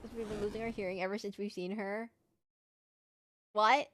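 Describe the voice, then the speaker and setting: A woman streams a video game live and rambles casually, with self-deprecating chat and a slightly nasal voice. Her pitch is medium and her intonation fairly even at normal speed, a bit bright, with slight background noise and music playing behind her.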